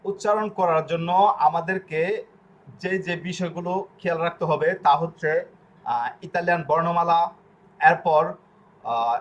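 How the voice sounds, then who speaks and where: A man teaching an online language class, explaining slowly, repeating himself and often pausing on fillers. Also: on the high side, a bit bright, muffled recording. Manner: slow, repetitive explaining with frequent fillers.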